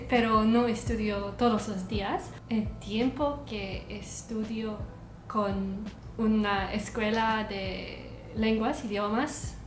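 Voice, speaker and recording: Young woman speaking haltingly, English-accented when in Spanish. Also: a little high. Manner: halting, searching for words in Spanish. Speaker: language-learning vlogger. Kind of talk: casual vlog chat. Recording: echoey room, faint background noise.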